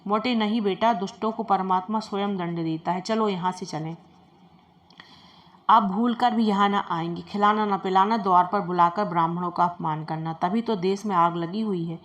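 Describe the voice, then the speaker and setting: Pompous greedy priest man, blustery and quick to threaten, read by a woman. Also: medium pitch, steady tone, fairly bright tone, dull audio, natural voice. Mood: indignant. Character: greedy pompous male priest, hot-tempered.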